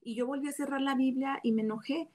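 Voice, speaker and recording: Flat-voiced woman giving testimony. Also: sits high, fast talker. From Mexico. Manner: reflective, earnest, with small restarts. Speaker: testimony speaker. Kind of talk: personal religious testimony.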